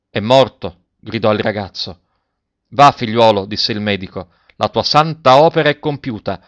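A man narrating a classic story aloud in a measured, expressive reading. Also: mid-range voice, no echo. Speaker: audiobook narrator. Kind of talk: scripted narration. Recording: dry, dull lo-fi recording.

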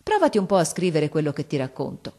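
Storybook: woman doing a calm, gently encouraging father. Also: low voice, fast talker, exaggerated voice.

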